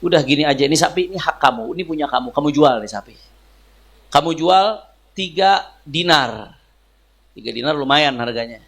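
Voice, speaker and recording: A man voicing a pious mother who gently advises her devoted son, in a gravelly voice. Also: fairly high pitch, expressive, moderate pace, pauses often, voice pushed down. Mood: gentle instructing.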